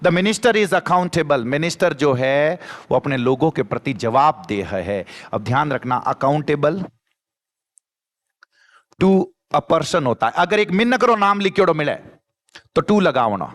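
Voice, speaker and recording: A man with a Rajasthani accent teaching an exam-prep grammar lesson, reading example sentences slowly and repeating catchphrases. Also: on the high side, lively intonation.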